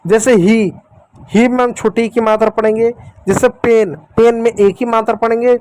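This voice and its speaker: A man teaching English letter sounds to children, repeating each sound slowly and patiently and talking to the kids directly. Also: very high voice, fairly even intonation, a little mellow, no echo. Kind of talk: explanatory lesson.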